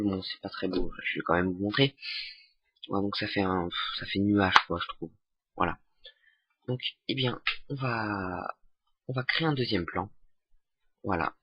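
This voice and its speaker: A young man giving a casual software tutorial, hesitant with many fillers and restarts. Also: on the low side, moderate pace, long pauses, slight background noise. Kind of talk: casual screen-recorded tutorial. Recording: dull lo-fi desktop mic.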